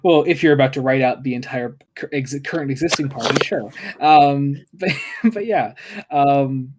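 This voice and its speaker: A man's voice: medium pitch, normal speed, background noise. A man co-hosting a casual podcast, recapping a comic with many fillers and restarts and frequent laughter. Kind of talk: casual chat.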